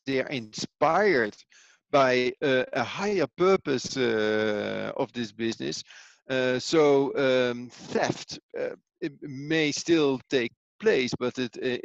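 A man from the Netherlands with a Dutch accent, a business coach explaining his ideas in a halting way full of fillers. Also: mid-range voice, creaky, no room sound, highs cut off. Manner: hesitant, many fillers and restarts. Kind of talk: explanatory interview answers.

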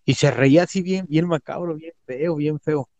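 A man's voice: on the high side, normal speed, darkish tone, no room sound, lo-fi sound. A man with a Mexican Spanish accent telling a story in casual conversation, slangy and emphatic, repeating words for weight.

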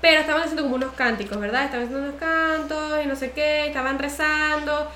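Woman, podcast co-host, animated storyteller, high voice, echoey room with faint ambience. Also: fast talker, slight background noise. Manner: animated storyteller who acts out other people's voices. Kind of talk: casual podcast chat.

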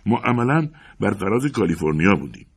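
A man narrating a novel as an audiobook, in an expressive, dramatic reading style. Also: lowish voice, husky.

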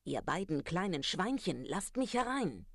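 A storyteller voicing the big bad wolf of a children's tale, calling out loud demands to be let in. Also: mid-range voice, sing-song, a little slow, no room sound, studio quality, pitched above the performer's own voice. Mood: demanding. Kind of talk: storybook reading.

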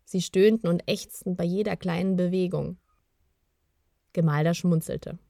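A woman with a lowish voice reading a fantasy tale in a calm, even way. The sound is dry and close, with no room echo. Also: unhurried, gravelly. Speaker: audiobook narrator. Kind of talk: scripted storybook narration.

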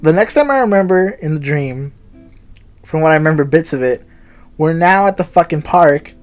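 A man's voice: fairly high pitch, normal speed, faint music behind. A young man co-hosting a podcast, telling a rambling story with lots of swearing and acted-out quotes. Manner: animated, swears a lot, acts out quotes. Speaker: podcast co-host. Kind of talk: casual chat, rambling storytelling.

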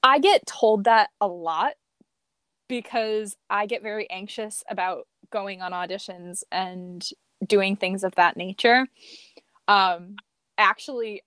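A woman's voice: medium pitch, fairly bright tone, dry recording. Woman chatting casually, dry sound. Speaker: podcast guest, amateur performer and cosplayer. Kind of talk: casual chat.

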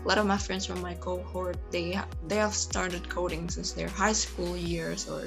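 A young Indonesian woman studying computer science is a guest in a casual interview, speaking English as a second language with lots of fillers and restarts. Her voice is lowish and level, at normal speed with vocal fry. Music plays under her.

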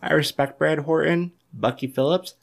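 A woman's voice: low voice, moderate pace, gravelly. A woman co-hosting a podcast, chatting casually in a wry, blunt way. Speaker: podcast co-host.

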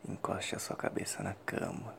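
A man with a Brazilian accent and a slightly bright voice performs a whispered role-play. Speaking in a breathy close whisper, he gives an adult listener intimate instructions, slow and deliberate.

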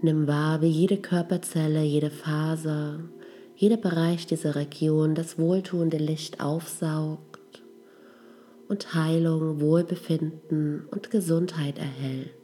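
A woman leading a guided healing meditation in a soft, gentle, breathy voice that trails toward a whisper. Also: sits low, steady tone, slow pace. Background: music.

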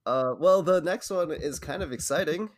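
A man's voice: on the high side, normal speed. Upbeat man presenting gaming news. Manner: upbeat, laughs often. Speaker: podcast host reading news. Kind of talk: casual chat.

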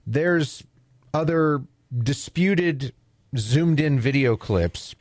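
A man's voice: a little high, slow pace, darkish tone, dry recording. A man co-hosting a talk radio show, musing aloud with hesitant restarts. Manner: hesitant, musing, repeats words.

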